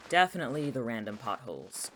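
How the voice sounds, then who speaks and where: An actor in a naturalistic audio drama plays an exasperated, protective young person who knows the town's dangers, talking in a casual, sardonic, blunt way. The mid-range voice is very animated, fast and fairly bright, with a wry, casual mood. The recording is low-quality with a little hiss or hum.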